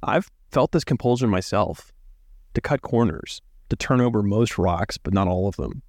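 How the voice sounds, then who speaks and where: A man from Alabama narrating a true-crime story in a measured, reflective way. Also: fairly low pitch, animated, darkish tone, dry recording, studio quality. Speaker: podcast narrator.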